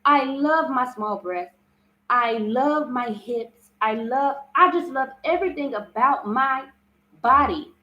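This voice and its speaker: Her voice is high, slow, pushed and bright as she hosts a live-streamed motivational talk on spiritual self-love. The woman sounds strong and big, earnest, with regular checks of "you understand?" The audio is roomy and missing its highs.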